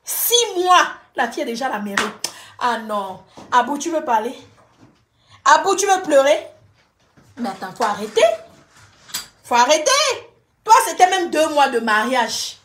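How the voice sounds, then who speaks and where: High-voiced woman telling her story. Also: animated, moderate pace, long pauses, fairly bright tone. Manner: dramatic, repetitive, addresses her audience directly. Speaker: storyteller on a livestream. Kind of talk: emotional personal storytelling.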